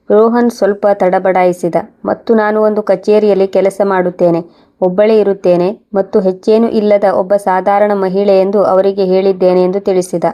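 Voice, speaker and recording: Woman storyteller, scripted first-person narration, mellow tone, steady flat delivery. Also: mid-range voice.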